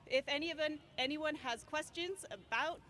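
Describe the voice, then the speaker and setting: A woman's voice: high-pitched, moderate pace, bright, forceful tone. A woman guest performer giving an upbeat, gracious live interview at an outdoor event. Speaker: wing walker, guest performer. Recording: clear background noise, outdoor air show.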